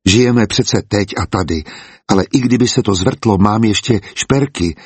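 A man voicing a calm, practical wife who trusts her husband. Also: on the low side, husky, no room sound. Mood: resolute. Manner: composed, weary.

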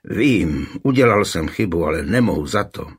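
A man's voice: deep voice, animated, breathy edge. A man voicing a spoiled, lying young man pleading and accusing in a raised, whining voice.

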